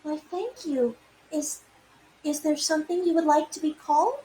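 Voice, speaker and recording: Woman playing a high-voiced, tentative little spellcaster. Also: expressive, moderate pace, dark tone, poor audio. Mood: tentative, kind. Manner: earnest, tentative. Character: humble, kind, anxious young spellcasting adventurer. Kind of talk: tabletop role-play acting.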